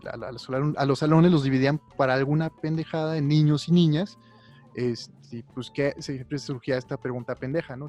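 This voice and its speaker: Young Mexican man, animated slangy podcast talk. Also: fairly high pitch. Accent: Mexican Spanish. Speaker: podcast co-host. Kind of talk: casual chat. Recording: faint music behind.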